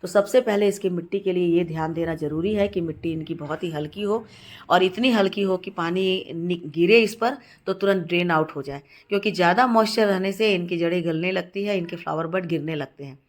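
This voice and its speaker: Her voice lowish and stuffed up by a cold, a gardening channel host presents a casual tutorial from her outdoor home terrace garden. She keeps it chatty, repeating words and often pausing on filler sounds.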